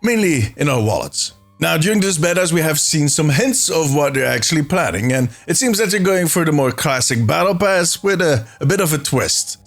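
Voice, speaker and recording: Man, gaming host, casual news commentary, chatty asides, somewhat high pitch. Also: gravelly. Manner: chatty, self-mocking asides to viewers.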